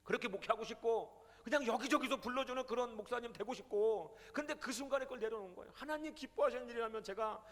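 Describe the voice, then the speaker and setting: A male pastor telling a testimony in a sermon, animated, swinging from loud to hushed. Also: very high-pitched, fast talker, few pauses, long reverb tail. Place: prayer retreat hall.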